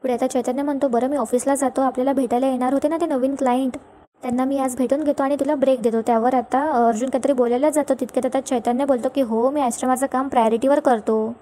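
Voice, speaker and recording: A woman's voice: sits high, fairly even intonation, quick pace, warm tone, a little hiss or hum. A woman recapping a television serial episode, retelling each scene and reading the characters' lines in her own voice. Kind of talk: fast storytelling recap with quoted dialogue.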